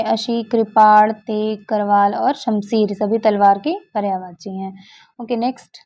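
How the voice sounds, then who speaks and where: A woman teacher with a slightly high, dark-toned voice goes through exam questions, posing each one and then answering it herself as she explains the answers. The recording is dull and lo-fi.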